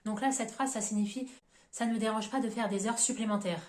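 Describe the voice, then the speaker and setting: A woman giving a methodical grammar lesson on her own channel, spelling out letters and reading example sentences slowly. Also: on the high side, fairly even intonation, a little mellow, reverberant.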